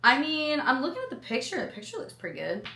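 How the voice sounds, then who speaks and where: A woman's voice: sits high, big pitch swings, quick pace, sharp tone, reverberant. A woman food vlogger reading menu items aloud and adding chatty personal asides. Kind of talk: casual chat reading a menu.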